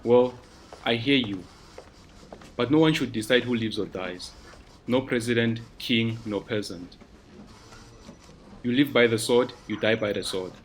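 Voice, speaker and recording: A male narrator voices a troubled, thoughtful police detective who speaks in a measured, reflective way. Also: medium pitch, slight background noise, close to an everyday voice.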